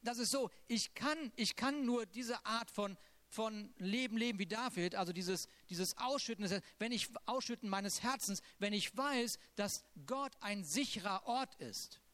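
A man with a rather high voice preaches a sermon. He talks loosely and conversationally, with a playful humor, as if thinking aloud. His voice stays light and high. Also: a little slow, fairly bright tone.

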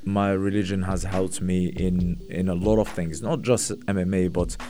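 A man's voice: sits low, steady tone, moderate pace, mellow. A man with a North African Moroccan accent mixed with north-east English Geordie, chatting casually as a fighter being interviewed. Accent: Moroccan mixed with north-east English Geordie and Mackem. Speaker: MMA fighter, interview guest. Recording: music playing behind the voice.

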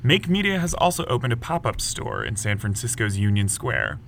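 A man co-hosting a news podcast, reading scripted headlines in a brisk, lightly wry way. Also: mid-range voice, wildly swooping pitch, gravelly, a bit bright, slight background noise. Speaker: podcast co-host.

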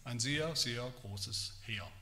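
A man preaching a sermon, emphatic, rising loud when he quotes. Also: mid-range voice, slow, a little hiss or hum. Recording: long hall reverb.

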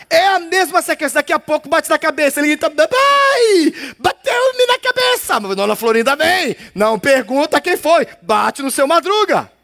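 A male pastor preaches in a playful, teasing, conversational way. His voice sits very high and swoops up and down. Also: a bit bright. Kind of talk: sermon.

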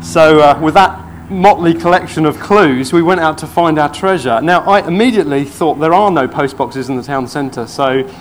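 Brief: male preacher, slightly high voice, eager storytelling testimony, faint hiss behind. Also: normal speed, few pauses. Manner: earnest, excited storytelling. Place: church.

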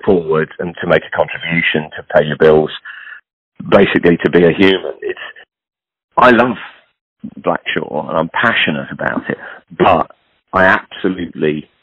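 Low-voiced frank man in his sixties. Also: normal speed, pauses often, slightly rough, dry recording, dull audio. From British. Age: 60s. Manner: frank, rambling, self-deprecating. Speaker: podcast guest, clothing entrepreneur. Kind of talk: casual conversation.

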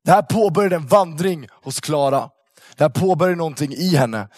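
Animated man telling a story, dry sound. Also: on the high side, no echo. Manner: animated storyteller, slangy with lots of fillers. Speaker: youth speaker. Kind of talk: casual storytelling talk to young people.

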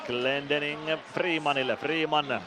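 A man giving radio play-by-play commentary on an ice hockey game from an arena booth, calling the action in quick, steady phrases. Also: on the high side, a crowd in the background, background noise. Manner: rapid steady play-by-play, rising to shouting at goals.

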